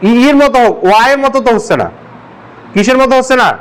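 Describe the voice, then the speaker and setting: A male English teacher from Bangladesh gives a classroom grammar lesson, drilling the class by asking the same question over and over. His voice is extremely high and quick, and the poor audio carries slight background noise.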